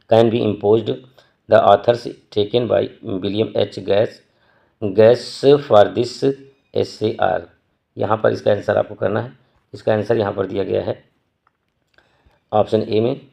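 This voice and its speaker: A man teaching an exam prep lesson, reading each question slowly and then explaining it quickly. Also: fairly low pitch, vocal fry, mellow, highs cut off. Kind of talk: quiz walkthrough lesson.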